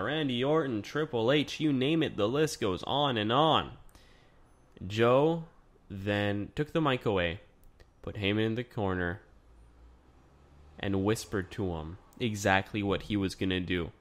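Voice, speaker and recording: A man hosting a podcast, talking through a casual solo review in a chatty, excitable way with lots of fillers. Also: on the low side, measured pace. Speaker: podcast host.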